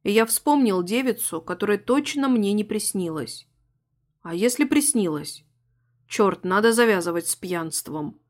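A woman narrating a story aloud, reading a first-person novel in a calm, even storytelling voice. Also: mid-range voice, measured pace.

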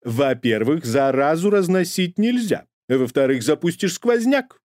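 A prim, fussy old nanny, as a male narrator puts her on in a storybook reading. She speaks shrilly and loudly, stretching her words in a high voice. The sound is close and dry. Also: lively intonation, no echo. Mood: insistent. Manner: shrill, loud, drawn-out words.

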